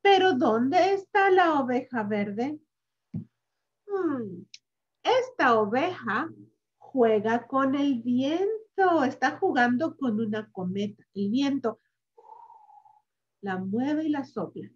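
Woman, high voice, slow and sing-song, children's story time, dull lo-fi home recording. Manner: slow, sing-song and animated, with sound effects and questions to the child. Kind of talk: reading a picture book to young children.

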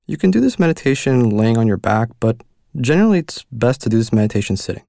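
A man narrating a guided mindfulness meditation as the guide, giving calm, gentle, unhurried instructions with long pauses between phrases. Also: mid-range voice, gravelly, no room sound, studio quality.

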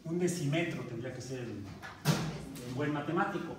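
Mexican teacher in an echoey classroom. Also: male voice, mid-range voice, normal speed, loud music behind the voice. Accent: Mexican Spanish. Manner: asks the class questions, restarts words. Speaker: university math teacher. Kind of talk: classroom lecture. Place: university classroom. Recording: very echoey classroom recorded from far off, noisy.

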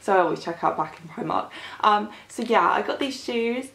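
A woman's voice: medium pitch, expressive, moderate pace, vocal fry, fairly bright tone. A British woman in her twenties chatting casually through a shopping haul as a vlogger, with a tired voice that is starting to give out. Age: 20s. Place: bedroom, indoors. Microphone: camera a short distance away. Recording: roomy echo, faint background noise.

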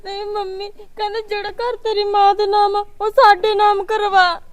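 Lady doing a crying young daughter, meek, super high pitch. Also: little pitch movement, moderate pace. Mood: tearful. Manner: meek, plaintive.

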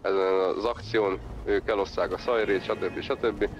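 A man leading a group in casual in-character game roleplay, calmly directing and organizing the others. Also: deep voice, muffled recording.

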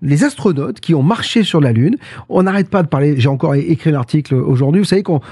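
A man's voice: a little high, lively intonation, quick pace, mellow, husky, dry recording, studio quality. A man hosting a casual talk-radio show, speaking animatedly and restarting his sentences often as he puts questions to his co-host.

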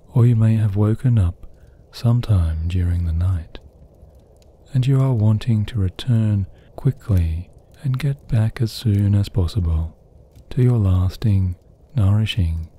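Narrating a guided sleep meditation, a man uses a lowish, soft, breathy voice that stays soothing and gently hushed. Long pauses separate each phrase.

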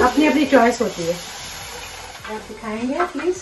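A woman's voice: fairly high pitch, sing-song, unhurried, noisy background. A woman in her thirties hosting a casual home cooking show, walking viewers through each step in her kitchen. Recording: background music under voice.

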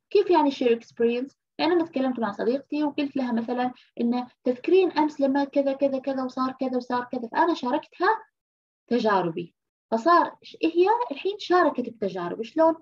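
Fast-talking husky woman lecturer from Egypt. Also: high voice, expressive, a little mellow. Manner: explains patiently, repeating key terms and checking in with "okay?". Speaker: university lecturer. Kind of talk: recorded university lecture. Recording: muffled lo-fi lecture recording.

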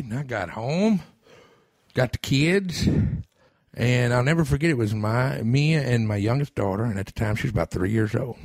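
A man's voice: fairly low pitch, darkish tone, dry recording, studio quality. A man hosting a podcast, telling a rambling story in casual chat, cursing freely and restarting his sentences. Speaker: podcast host.

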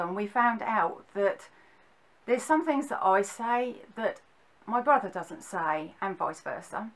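A middle-aged woman from Suffolk speaks with a Suffolk accent in a medium-pitched voice. She takes her time, explaining casually and wandering a little as she hesitates between phrases. It sounds like an informal talk to camera at home. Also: poor audio. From Suffolk, England. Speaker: vlogger explaining local dialect. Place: small furnished room at home, indoors.

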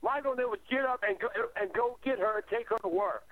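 A man's voice: extremely high pitch, quick pace, a bit bright, no room sound. An older man telling an angry family story on a radio show, swearing often and stumbling over repeated words. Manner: profane, ranting, repetitive stammering. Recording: tinny phone line, dry.

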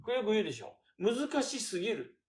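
An older man giving a chatty lecture on classical texts, asking rhetorical questions and pausing with fillers. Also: high voice, big pitch swings, slight background noise. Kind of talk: casual lecture. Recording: roomy echo.

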